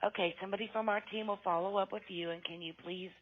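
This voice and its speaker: A woman's voice: mid-range voice, steady tone, fast talker, slight background noise. Woman on a phone call via laptop speaker. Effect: recorded phone call played through a laptop speaker. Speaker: phone canvasser. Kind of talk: scripted survey phone call.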